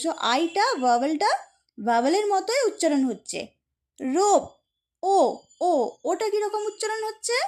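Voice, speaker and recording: Woman teacher explaining a lesson, high voice, bouncy sing-song delivery, says the example words slowly one by one. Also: darkish tone. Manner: addresses listeners as friends, repeats example words slowly and clearly. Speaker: English teacher. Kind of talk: explaining a grammar lesson to students.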